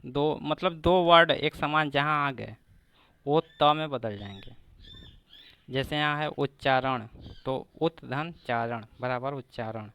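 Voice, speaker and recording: A man teaching a grammar lesson for exam preparation, slowly breaking down each example word by word and repeating it. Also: medium pitch, pushed and bright, smooth.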